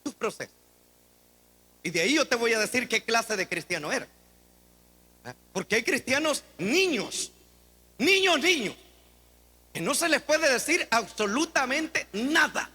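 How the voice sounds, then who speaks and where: High bright-voiced preaching pastor. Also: male voice, very animated, a little slow, pauses often, husky. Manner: dramatic preaching, shifting between shouts and low asides. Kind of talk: sermon. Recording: long hall reverb.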